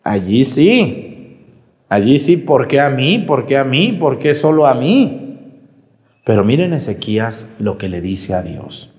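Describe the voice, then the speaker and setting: A priest giving a homily in a lively, conversational way, his voice swinging up and down as he addresses the congregation. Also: mid-range voice, measured pace, big-room sound. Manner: lively, conversational preaching with sudden rises and drops.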